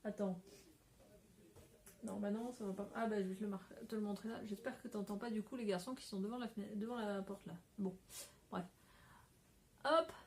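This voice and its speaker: A woman's voice: mid-range voice, fairly even intonation, normal speed, long pauses. Woman host of a casual craft vlog; chatty, rambling delivery with frequent laughs, recorded on a phone at home. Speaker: craft podcaster. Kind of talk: casual chat to camera. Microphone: phone camera.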